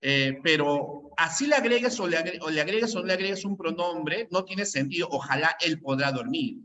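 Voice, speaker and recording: A man's voice: sits high, a little fast, sharp tone. A male teacher giving a classroom grammar lesson, repeating his points and checking in with "¿no?" after them. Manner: repetitive, drilling points home, asks "¿no?" often. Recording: dull lo-fi classroom recording.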